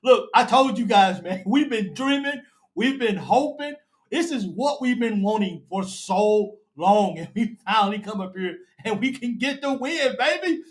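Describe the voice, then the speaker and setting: Excited high-voiced man hosting a fan show. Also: a little slow. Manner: excited, emotional, repeats himself, calls listeners baby and bro. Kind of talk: excited live fan commentary.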